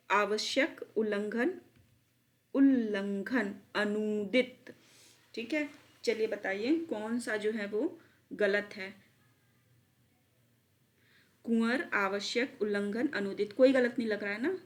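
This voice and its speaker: A woman teacher giving an online spelling lesson for exam students, repeating words slowly and mixing in English terms. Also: medium pitch. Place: at a laptop.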